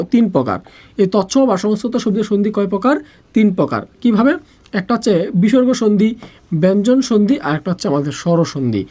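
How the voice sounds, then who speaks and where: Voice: medium pitch, dark tone. A teacher leading a live online grammar class, repeating each question and then answering it. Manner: drills by asking a question, then answering it, many times over.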